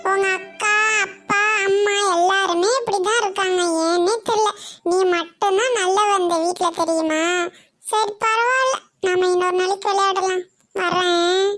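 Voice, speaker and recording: A woman's voice: very high-pitched, fairly even intonation, a little slow, fairly bright tone, faint music behind. A woman voicing a polite, earnest little cartoon boy who pleads with his friend's father. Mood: pleading. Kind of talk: cartoon comedy acting.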